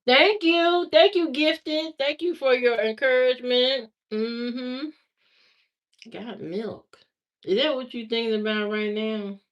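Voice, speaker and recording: On a livestream with slightly muffled, lo-fi audio, a woman from Indiana talks slowly in a fairly high voice with fairly even intonation. She chats casually, responding to viewer comments and repeating herself as she replies to them.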